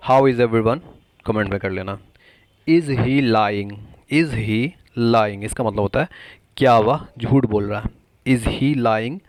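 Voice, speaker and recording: A man's voice: mid-range voice, no room sound. Dry-voiced man teaching phrases. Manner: repeats each phrase slowly, asks viewers to comment. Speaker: English teacher. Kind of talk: bilingual teaching, repeating phrases.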